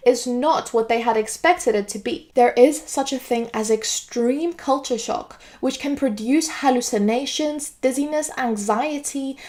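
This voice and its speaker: A woman's voice: high voice, a little slow, few pauses, darkish tone. A woman from Greece delivering an earnest, lecturing monologue. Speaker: political video commentator. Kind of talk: scripted monologue to camera.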